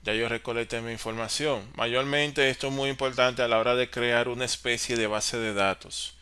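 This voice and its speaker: A man teaching an online class on office software, explaining step by step and answering his own questions. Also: medium pitch, steady tone, moderate pace, clear, resonant tone. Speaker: course facilitator.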